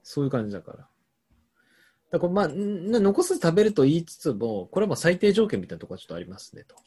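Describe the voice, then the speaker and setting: A young adult man hosting a casual comedy chat, reading out listener answers and spinning playful, deadpan absurd riffs. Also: on the high side, racing, breathy edge. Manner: playful, riffing on jokes with deadpan absurd claims.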